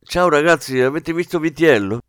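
A man voicing a brisk, impatient middle-aged police commissioner who gives orders. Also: fairly high pitch, expressive, fairly bright tone, clean tone, no room sound, studio quality, voice pushed up. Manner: commanding, impatient.

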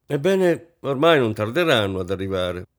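A man's voice: medium pitch, very animated, normal speed, pitched above the performer's own voice, close to an everyday voice. A man reading aloud voices a wealthy husband who speaks in a curt, clipped, irritated way.

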